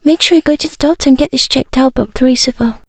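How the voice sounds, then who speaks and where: A high-pitched, fussing secretary rattles on in a flustered rush, as a woman narrator puts her on. It is a storybook horror voice, close and dry. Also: gravelly, a little mellow, no room sound. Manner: fast, alarmed fussing.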